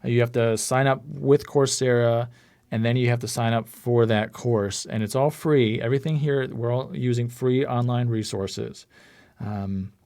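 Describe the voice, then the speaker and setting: A man's voice: medium pitch, fairly even intonation, normal speed, mellow. A man teaching a live online class over a video call, casually talking through each click on his screen. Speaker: course instructor. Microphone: computer mic on a video call.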